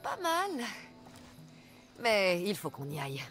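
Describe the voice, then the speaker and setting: A woman's voice: medium pitch, huge pitch swings, slow, music in the background, heavily acted. An actress playing a tough young female mercenary in a video game, with a dry, self-assured manner. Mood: dry, curious. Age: young adult. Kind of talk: video game character acting in French dub.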